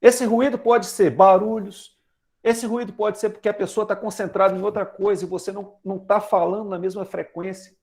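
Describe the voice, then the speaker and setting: A man's voice: high voice, steady tone, a little fast, a little mellow. A Brazilian man in his forties preaching a chatty sermon, asking the congregation questions and using everyday examples. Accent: Brazilian Portuguese. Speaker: lay preacher. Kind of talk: conversational sermon.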